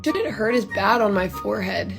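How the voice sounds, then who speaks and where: A woman's voice: medium pitch, lively intonation, normal speed, gravelly. A woman makeup vlogger talking casually and chattily, full of "like" and "literally". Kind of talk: casual chat. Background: music.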